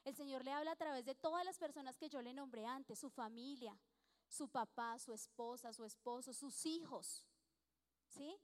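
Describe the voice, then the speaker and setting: A woman with a high voice gives an earnest church talk mixed with personal testimony. She speaks in a chatty, heartfelt way. Her voice carries with a long echo, as in a church hall. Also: normal speed. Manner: earnest, chatty, acts out dialogue with frequent small laughs.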